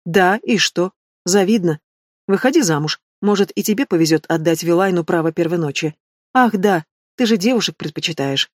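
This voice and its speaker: A woman voicing a sharp-tongued young female student who answers with cool, mocking retorts. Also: lowish voice, expressive, normal speed, dry recording, studio quality.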